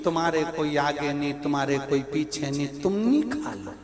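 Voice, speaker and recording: A man's voice: on the high side, brisk, natural voice. A man voicing a greedy young merchant's son who whines tearfully, in an echoey hall. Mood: whiny. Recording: echoey hall with music behind.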